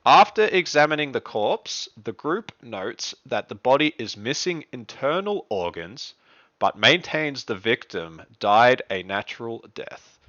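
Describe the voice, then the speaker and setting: A young man hosting a riddle contest on a live stream, chatty and excitable, laughing often. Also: medium pitch, dry recording, lo-fi sound. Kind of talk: casual live-stream chat.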